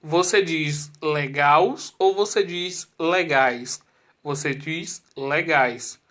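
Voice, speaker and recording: A narrator calmly explains a spelling rule step by step in a scripted, methodical voice. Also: medium pitch, slow pace.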